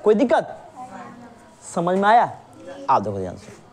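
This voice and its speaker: A woman teacher with a lilt walks a student through a reasoning lesson. Her pitch swings widely as she drills with call-and-response, asking again and again whether there is any problem. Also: wildly swooping pitch, a little slow, darkish tone. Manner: patient, keeps checking understanding with repeated questions.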